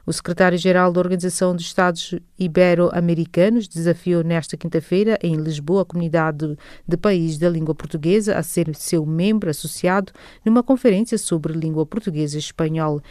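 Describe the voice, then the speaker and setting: A woman presenting a political news recap in a steady, formal way. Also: fairly low pitch, dry recording, studio quality.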